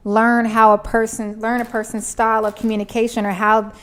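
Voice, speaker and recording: High-voiced chatty female co-host. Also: little pitch movement, a little fast. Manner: chatty, filler-heavy, earnest. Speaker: podcast co-host. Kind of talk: casual chat.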